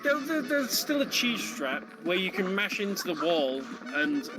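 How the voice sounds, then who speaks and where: A speedrun commentator gives casual live commentary on a video game, explaining things hesitantly with lots of chuckles. His voice sits high and is very animated yet unhurried, with game music playing behind it.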